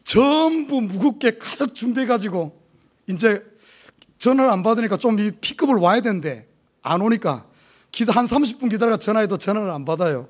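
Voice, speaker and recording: Man, middle-aged, Gyeongsang accent, pastor, sermon in a church, joking personal story, slightly high voice. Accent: Gyeongsang Korean. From South Korea. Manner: storytelling with humor, lively and animated. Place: church sanctuary.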